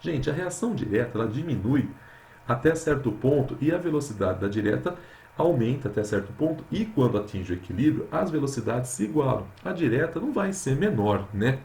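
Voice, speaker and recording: A man's voice: mid-range voice, creaky, a little mellow, reverberant. Man, Brazilian Portuguese accent, chemistry teacher, repeats words for emphasis, faint background noise. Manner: affectionate, addresses students as "meus amores", repeats words for emphasis. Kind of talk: recorded lesson solving exercises.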